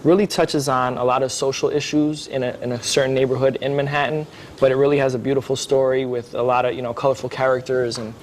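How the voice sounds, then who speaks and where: A man answers as an interview guest in a medium-pitched voice. He phrases things haltingly, with faint rumble behind him. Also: level tone. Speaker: interview guest promoting a play. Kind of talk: unscripted interview talk.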